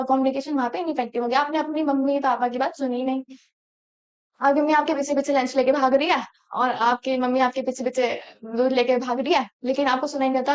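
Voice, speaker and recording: A young woman teaching a lecture, mixing in English terms and asking the class rhetorical questions. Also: high voice. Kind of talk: exam-prep lecture.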